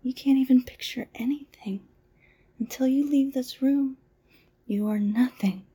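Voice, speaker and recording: Soft whispery asmr lady, mellow breathy voice, really slow and soothing. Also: sits high. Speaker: ASMR roleplay masseuse. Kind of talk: ASMR roleplay.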